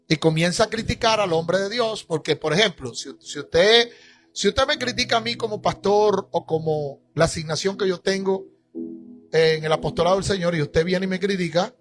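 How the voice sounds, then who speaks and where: A male pastor preaching a church sermon, emphatic, rising at times to shouts. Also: high-pitched.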